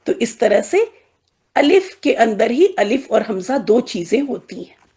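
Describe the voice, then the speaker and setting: A woman's voice: fairly high pitch, lively intonation, dark tone, husky. A woman teaching Quranic Arabic letters to a class of mostly young girls, explaining patiently with playful examples and frequent check-ins. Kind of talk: classroom lesson.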